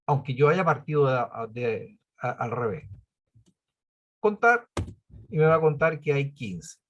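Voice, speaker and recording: Man doing a spreadsheet tutorial, kinda husky voice, counts stuff out loud slowly. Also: on the high side, lo-fi sound. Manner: patient, counts aloud step by step. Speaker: computing teacher.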